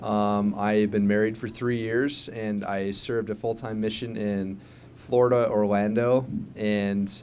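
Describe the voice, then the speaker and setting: A man's voice: fairly low pitch, little pitch movement, a little slow, a little mellow. A man in his twenties speaking sincerely and plainly on a panel. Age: 20s. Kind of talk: casual panel answers.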